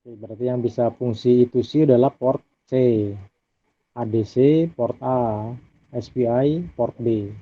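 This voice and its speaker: A man giving a relaxed recorded lecture over slides, often tagging his sentences with a questioning "ya". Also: medium pitch, a little slow, no echo. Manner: relaxed, adds tag "ya" often. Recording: dry, phone-like audio.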